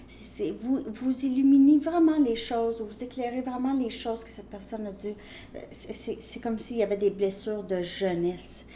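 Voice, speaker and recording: A woman with a Québécois French accent giving a tarot reading, talking slowly and hesitantly with many fillers and restarts. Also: on the high side, dark tone, a little hiss or hum. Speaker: tarot reader.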